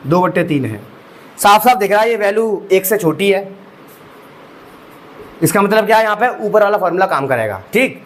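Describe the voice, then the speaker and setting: A man's voice: high-pitched, expressive, fairly quick, pauses often, a bit bright. A young man teaching maths, walking students through each step with rhetorical questions and calling them bhai sahab. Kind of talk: exam-prep lecture.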